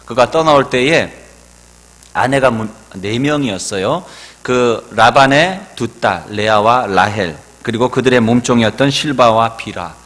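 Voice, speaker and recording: A man's voice: medium pitch, expressive, a little slow, a bit bright. A male pastor preaching a sermon in a church sanctuary, telling stories and building up to emphatic exhortation. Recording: long church hall reverb.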